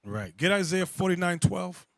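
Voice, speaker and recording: A man's voice: high voice, big pitch swings, moderate pace, vocal fry. A man leading a Bible lesson as a bishop, calling out verses and explaining each one in a commanding way. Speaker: bishop teaching a class.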